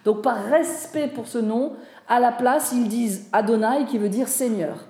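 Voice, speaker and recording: A woman teaching about Bible translation to a live audience, talking conversationally and often turning to her listeners with questions and quick checks. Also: a little high, warm tone, slight background noise. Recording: roomy echo.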